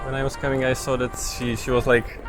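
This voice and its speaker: A man's voice: medium pitch, little pitch movement, a little fast. A man in his thirties with a mid-range voice speaks hesitantly. He fills his sentences with "uh" and breaks into nervous laughs. Music runs in the background. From Czech Republic. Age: 30s. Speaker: vlog guest. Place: outdoors on city streets.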